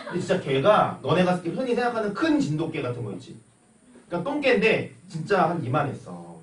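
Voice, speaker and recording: A man's voice: on the high side, fairly quick, crowd noise. A young man teaching a math class, telling a story with jokes and acted-out sounds. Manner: animated, joking, acts out sounds and quoted voices. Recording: echoey classroom, far mic, noisy.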